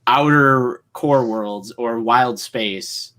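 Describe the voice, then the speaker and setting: Speaking very slowly in a medium-pitched, slightly bright voice, a man co-hosts a casual livestream. He talks in long rambling stretches full of fillers, gushing like an enthusiastic fan.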